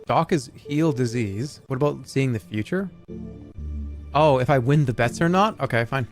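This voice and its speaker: A man live-streaming a video game, reading the game text aloud and thinking out loud in an animated, wry way. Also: medium pitch, normal speed, faint music behind.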